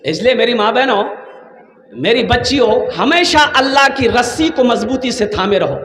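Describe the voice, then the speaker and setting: A man's voice: very high voice, expressive, normal speed, fairly bright tone. A man preaching a sermon to a large gathering, calling questions out to the crowd and slipping into Bengali phrases. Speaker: Islamic preacher. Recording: echoey hall, faint ambience.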